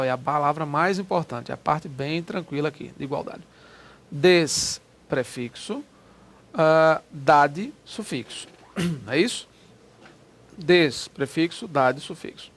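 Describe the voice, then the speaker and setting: A man's voice: a little high, fairly bright tone. A man explaining exam grammar questions, stretching key words and checking in with listeners often. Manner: explanatory, drawn-out stressed words, frequent "né?" checks. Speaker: Portuguese grammar teacher. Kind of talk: exam-prep lecture walking through test questions.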